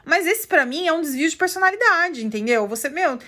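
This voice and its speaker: A woman from Brazil hosting a podcast, telling a story in a casual, animated and indignant way and acting out the quotes. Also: extremely high pitch, brisk. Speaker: podcast host. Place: living in the United States.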